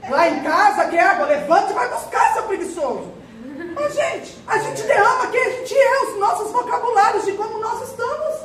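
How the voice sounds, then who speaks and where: A middle-aged woman pastor preaching a lively, joking sermon in a large church. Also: very high voice. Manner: lively, joking, acts out little voices. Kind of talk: conversational sermon. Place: large church hall at the altar. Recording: very echoey church from far off.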